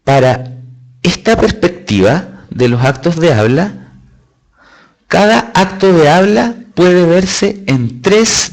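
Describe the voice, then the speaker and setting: A man with a Chilean accent teaching a live online lesson, explaining step by step with emphatic stresses and chatty asides. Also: on the high side. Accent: Chilean Spanish. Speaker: test-prep teacher.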